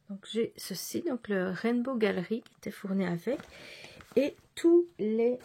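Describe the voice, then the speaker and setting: A woman's voice: medium pitch, gravelly, a little mellow, slight background noise. A woman chatting through a casual show-and-tell vlog, hesitant and often restarting her words. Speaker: cross-stitch vlogger.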